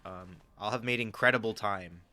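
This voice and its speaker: Give me a chatty male streamer with a low-ish voice. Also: moderate pace, sharp tone, faint music behind. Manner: candid, chatty, swears freely. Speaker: speedrunner and streamer. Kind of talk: casual gameplay commentary.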